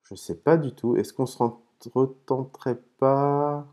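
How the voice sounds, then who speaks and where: Mellow-voiced man explaining his case openings. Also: mid-range voice, steady tone, unhurried. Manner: explains terms patiently, curses softly at his own slips and apologizes; hesitant, with frequent "euh" and restarts. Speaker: gaming video host. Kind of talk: casual commentary while opening game cases.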